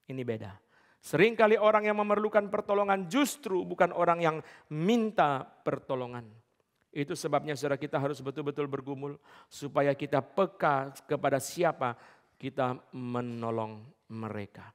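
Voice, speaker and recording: A male pastor preaching a sermon in a lively, emphatic way, speaking directly to his congregation. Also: fairly high pitch, moderate pace. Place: large church sanctuary. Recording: long church hall reverb.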